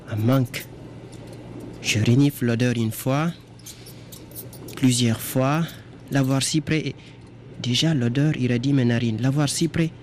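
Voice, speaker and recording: A man doing a squeaky, frantic addicted mouse. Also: slight background noise, close to an everyday voice. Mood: craving. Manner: frantic, repetitive, squeaky mutterings. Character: addicted jittery female lab mouse craving drink. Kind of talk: performed reading of a stage text.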